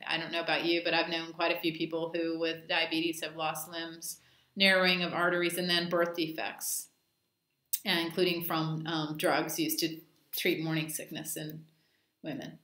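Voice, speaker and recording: A woman's voice: low-pitched, little pitch movement, normal speed, bright, forceful tone, reverberant. A woman dive instructor giving a casual training talk, chatty and full of anecdotes and fillers.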